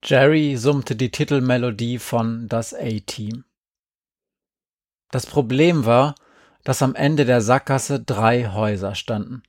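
A man reading a story aloud in a calm, even storytelling manner. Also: medium pitch, no echo, studio quality. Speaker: narrator. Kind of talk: audiobook narration.

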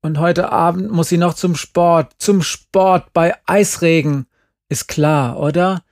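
A man voicing a tough, heartbroken young girl who curses and shouts in an audiobook reading. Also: on the high side, steady tone, slow, no echo, clean studio sound, pitched above the performer's own voice. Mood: furious. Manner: shouting, cursing, tearful. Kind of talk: audiobook character voice.

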